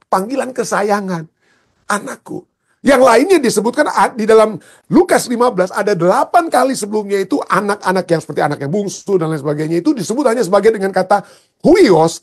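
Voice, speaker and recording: A man preaching a sermon as a pastor, emphatic, often asking the congregation a question and answering it himself. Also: sits high.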